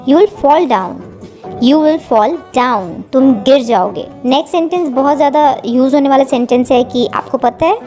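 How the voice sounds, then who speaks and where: High-voiced woman teaching phrases. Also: darkish tone. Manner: repeats each phrase slowly and clearly. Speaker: English teacher. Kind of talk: Hindi-English vocabulary lesson.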